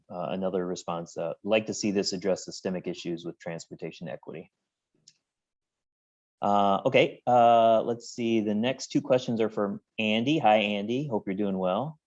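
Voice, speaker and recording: Halting man on a muffled video call. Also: lowish voice, darkish tone. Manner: hesitant, many fillers and restarts. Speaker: project engineer answering public questions. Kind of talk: webinar Q&A. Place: home office with work being done.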